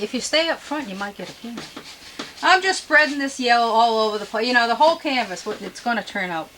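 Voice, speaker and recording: A woman giving an unscripted painting demonstration as a gentle instructor, with homely, folksy, chatty asides. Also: fairly high pitch, a little hiss or hum, low-quality recording. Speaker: painting instructor and show host.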